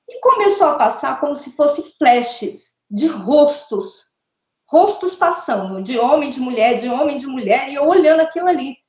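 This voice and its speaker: A middle-aged woman giving an earnest, halting personal testimony, often repeating words as she speaks. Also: high voice, a little mellow. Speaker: interviewee telling a near-death experience. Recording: echoey, dull lo-fi room sound.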